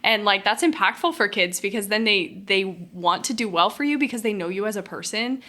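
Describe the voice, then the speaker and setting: A woman's voice: lowish voice, pushed and bright. A young adult woman talking as a podcast guest in casual chat, chatty and full of filler words.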